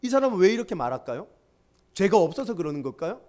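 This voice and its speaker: A male pastor delivering a lively sermon with humor and call-and-response lines for the congregation. His voice is high for a man and moves through a wide, expressive pitch range. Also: quick pace.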